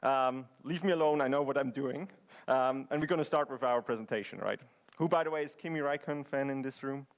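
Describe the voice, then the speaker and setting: Fast and medium-pitched, a Swiss man gives an English-language talk in a conference hall. He keeps it chatty and humorous, with frequent fillers and restarts.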